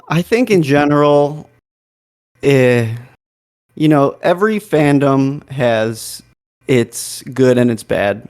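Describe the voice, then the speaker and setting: A man's voice: medium pitch, darkish tone, clean tone. A man on a podcast panel, talking in a thoughtful, rambling way full of asides. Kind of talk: casual podcast chat.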